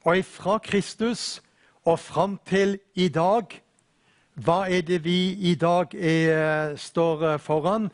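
Earnest preacher, slightly high voice. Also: male voice, fairly even intonation. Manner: earnest, quotes scripture with slow, weighty emphasis. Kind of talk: sermon.

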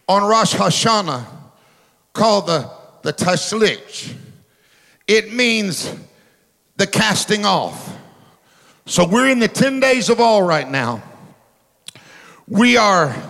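A middle-aged man preaching a charismatic sermon in a church, shouting declarations in chanted, repeated phrases. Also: high-pitched, gravelly, big-room sound. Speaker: pastor. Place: church hall with congregation.

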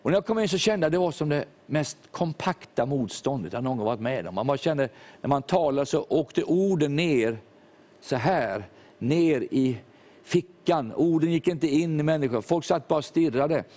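A man's voice: on the high side, expressive, darkish tone. Older man preaching a sermon. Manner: storytelling, acts out quoted voices. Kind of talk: sermon testimony.

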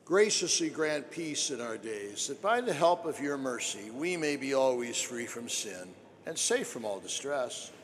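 A man serving as priest, reciting prayers at Mass in a measured, formal way, his voice carried by a long cathedral reverb. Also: mid-range voice, very animated. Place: large church. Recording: church recording with long reverb.

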